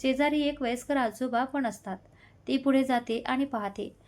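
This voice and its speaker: A woman narrating a romantic story in a steady, dramatic storytelling manner. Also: sits high, normal speed. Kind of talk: scripted narration of a love story.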